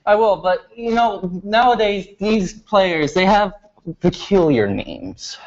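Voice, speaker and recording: A young man playing a calm, matter-of-fact baseball team manager who patiently explains his players' names, in a comedy skit, on a dull lo-fi recording. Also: high voice, slow, pitched above the performer's own voice, full character voice. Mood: deadpan.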